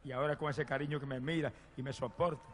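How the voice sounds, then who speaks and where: A man preaching a sermon and telling his own testimony, fervent, swinging from loud exclamations to hushed storytelling. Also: mid-range voice, fairly even intonation, fast talker, a little hiss or hum. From Puerto Rico. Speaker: evangelist preacher. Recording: long hall reverb.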